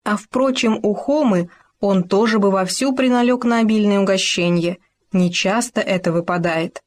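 Woman narrator, expressive children's story reading. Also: medium pitch, normal speed.

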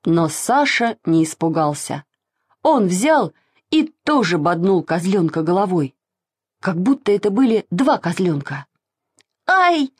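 A woman reading a children's story aloud in an expressive, sing-song way. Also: lowish voice, measured pace, husky, no echo.

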